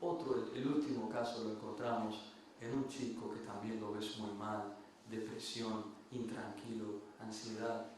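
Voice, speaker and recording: A man's voice: on the low side, flat delivery, unhurried, a little mellow, slight background noise. A man giving a religious lecture, telling stories earnestly and often repeating or restarting phrases. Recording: very echoey room, mic far off.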